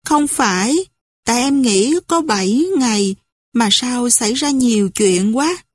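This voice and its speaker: Young woman hiding out in a war, soft and pleading, higher pitched, read by a woman, slow. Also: lively intonation, breathy edge, no room sound, clean studio sound. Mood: tender. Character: young woman hiding in a cave during wartime.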